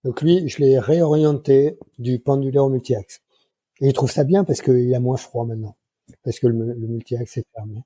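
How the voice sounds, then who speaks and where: Husky-voiced man in his sixties, dark tone. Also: medium pitch, normal speed, dry recording. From France. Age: 60s. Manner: colloquial, lively anecdotes with many fillers. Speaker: guest, microlight flight instructor. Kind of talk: casual interview storytelling.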